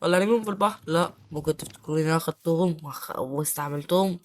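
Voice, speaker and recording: A man's voice: on the high side, racing. A young man with an Egyptian accent giving casual commentary over gameplay, wailing in mock despair. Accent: Egyptian Arabic. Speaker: gaming YouTuber.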